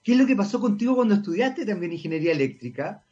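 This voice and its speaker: A man's voice: high voice, lively intonation, fast talker, darkish tone, lo-fi sound. A Chilean man hosting a casual radio interview, chatty and self-mocking, talking at length. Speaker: radio host.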